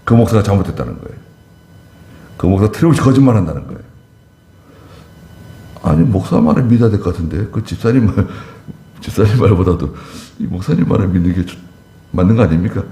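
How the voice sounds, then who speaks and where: A man's voice: deep voice, lively intonation, quick pace, pauses often, dark tone, echoey room. A male pastor preaching a conversational sermon, acting out short dialogues in a church.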